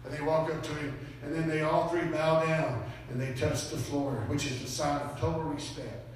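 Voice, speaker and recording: A man preaching a sermon, telling a story with growing excitement, laughing and breaking into shouts. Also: fairly high pitch, normal speed, a little hiss or hum. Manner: animated, builds to shouts, laughs often. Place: church sanctuary. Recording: echoey hall from far off.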